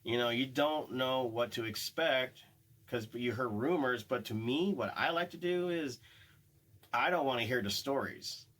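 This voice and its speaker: A man's voice: medium pitch, measured pace, a bit bright, poor audio. Chatty man talking ghosts. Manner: rambling, acts out what spirits say. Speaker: paranormal investigator. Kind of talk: casual podcast chat.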